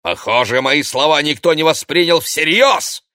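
A man voicing an angry, blustering town mayor who shouts threats, in an audiobook. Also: on the high side, lively intonation, normal speed, no room sound, studio quality, pitched above the performer's own voice. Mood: furious. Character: furious bullying small-town male mayor.

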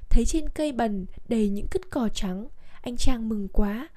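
Woman storyteller, higher voice, soft mellow tone, lively folk-tale reading. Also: unhurried. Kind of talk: reading funny folk tales.

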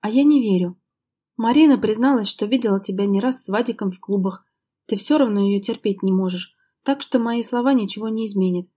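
A woman's voice: mid-range voice, brisk, mellow, natural voice. A woman reading the lines of an angry, jealous young wife, accusing her husband in a raised, reproachful voice in a dramatic audiobook.

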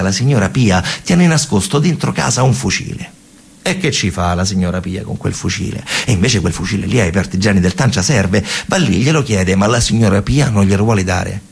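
A slightly rough, lowish male voice with vocal fry carries this dramatic narrative monologue for radio theatre. The actor has a Lazio accent from central Italy and speaks colloquially and emphatically, repeating lines for effect.

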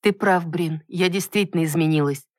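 A woman's voice: fairly low pitch, moderate pace, darkish tone, dry recording, clean studio sound, lightly acted. A reader voicing a firm, earnest young noble lady in an audiobook. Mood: warm.

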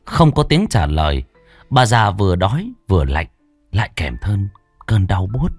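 A man narrating a ghost story in a grave, expressive way. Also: fairly low pitch, moderate pace, husky, dry recording, soft background music.

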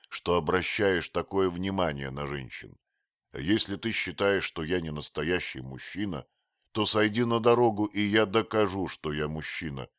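A man voicing a blunt, hot-tempered young archer who speaks loudly and forcefully in a read-aloud story. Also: deep voice, no echo, clean studio sound, pitched above the performer's own voice. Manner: loud and forceful.

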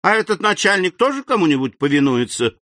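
A man's voice: big pitch swings, brisk, sharp tone, no room sound, full character voice. A man doing a frantic captive banker. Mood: pleading. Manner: pleading, high and shrill. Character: frantic aging male banker held captive.

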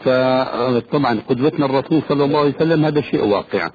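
A man with a Levantine accent hosting a radio program, speaking in a measured, formal way. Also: medium pitch, darkish tone. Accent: Levantine Arabic. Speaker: radio host. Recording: tinny phone-line sound with faint noise.

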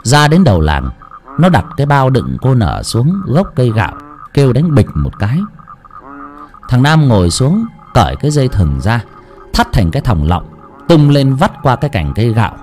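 Expressive male ghost-story narrator. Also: medium pitch, moderate pace, faint music behind.

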